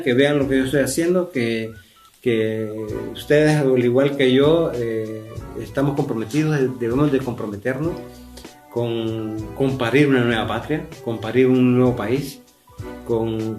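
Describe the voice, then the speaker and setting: A man from El Salvador with a Salvadoran Spanish accent, speaking earnestly and haltingly about his work, often repeating words. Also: medium pitch, a little mellow. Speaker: interviewee artist. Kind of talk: recorded testimony. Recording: roomy, distant mic, faint music.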